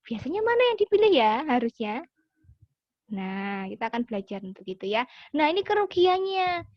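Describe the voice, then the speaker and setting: A woman giving a lively lesson to schoolchildren, acting out little example phrases as she explains. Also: high voice, moderate pace, no room sound. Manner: animated, acts out example phrases. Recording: dull, dry lo-fi sound.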